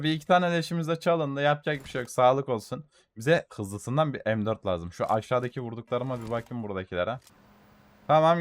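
A young man giving gameplay commentary for a mobile shooter, excitedly taunting enemies and muttering to his audience, with gunfire behind him. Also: fairly high pitch. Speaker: gaming YouTuber.

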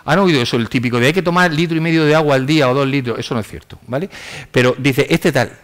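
A man giving a public science lecture in an animated, ironic way, acting out quotes in mock voices. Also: mid-range voice, quick pace. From Spain. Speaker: university lecturer. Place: lecture hall with audience.

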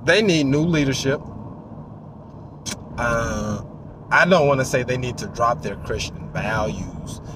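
A man in his forties giving animated, casual commentary from inside a parked car, acting out voices and swearing freely. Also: medium pitch, unhurried, long pauses, background noise. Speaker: vlogger. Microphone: phone on the dashboard.

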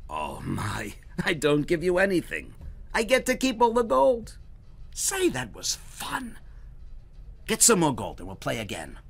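A man voicing a cheerful, cunning male trickster in a high, teasing voice. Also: sing-song, normal speed, vocal fry, few pauses, a bit bright, slightly rough, exaggerated voice.

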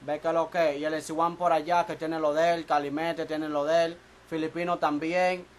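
A producer man talks loosely in a small studio, bragging and cracking jokes in street slang. His voice sits a little higher than most men's, and a faint hiss runs under the camera mic. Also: flat delivery, moderate pace, poor audio. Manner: boastful, joking, slangy. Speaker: music producer. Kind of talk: casual studio chat.

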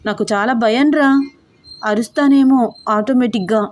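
A woman's voice: on the high side, moderate pace, a little mellow, close to an everyday voice. A woman voicing a shy, playful young bride in an audio story, coy and mock-scolding.

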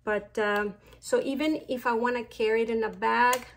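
A beauty vlogger, middle-aged and from Mexico, reviews makeup products in a casual chat. Her voice sits on the high side with fairly even intonation, and her Mexican Spanish-accented speech is slow and relaxed, peppered with fillers and trailing asides.

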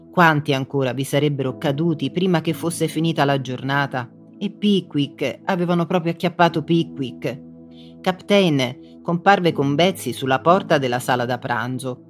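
An audiobook narrator reading a first-person story in a measured, dramatic way. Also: mid-range voice.

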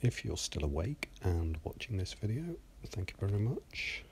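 A man with a deep, low voice narrates a screen-recorded animation walkthrough. He keeps to a quiet monotone, slipping into a half-whisper. He speaks close to a desk microphone, with faint background noise. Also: moderate pace.

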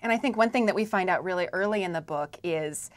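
A woman's voice: fairly low pitch, fast. Chatty young woman interviewer. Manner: chatty, many restarts and fillers. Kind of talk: book interview. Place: studio with dark backdrop.

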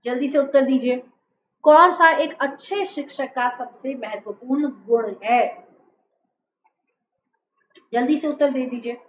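A woman exam-prep teacher giving an online live-class lecture, explaining step by step and pressing students to answer quickly. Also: sits high, highs cut off.

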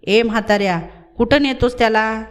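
A cheeky, bossy ten-year-old village boy, voiced by a woman reading a storybook, pitched up high and teasing. He chants his rhymes in a singsong and taunts his playmate. The voice sits noticeably higher than the reader's own. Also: steady tone, moderate pace, lightly acted. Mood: defiant.

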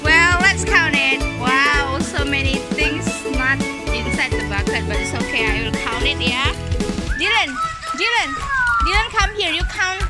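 A cheerful mother narrates her children's backyard games from behind the camera, laughing as she goes. Her voice sits very high and swings widely in pitch, and she talks slowly. Loud background music runs under everything she says. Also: lively intonation. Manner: cheerful, laughs often, mixes in Indonesian phrases. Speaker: mother hosting a family pool-game video. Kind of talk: casual family vlog commentary. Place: backyard lawn beside a garden pool, outdoors.

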